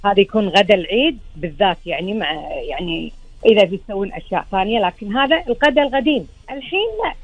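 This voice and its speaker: A guest chef with a Gulf Arabic accent reminisces in a chatty interview, explaining things through rhetorical questions. Her mid-range voice is expressive and fast but sounds a little tired and strained. The recording is dry, with phone-quality sound.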